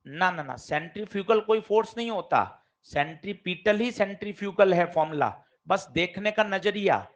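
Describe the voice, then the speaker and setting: A man teaching a physics class, lively and quizzing his students directly. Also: high-pitched, normal speed. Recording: dull lo-fi classroom recording.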